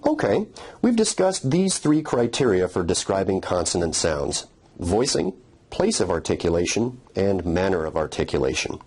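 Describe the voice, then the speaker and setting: Deep-voiced, husky male phonetics instructor. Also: sing-song, moderate pace, a little mellow. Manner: methodical, explains and demonstrates sounds. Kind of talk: scripted educational narration.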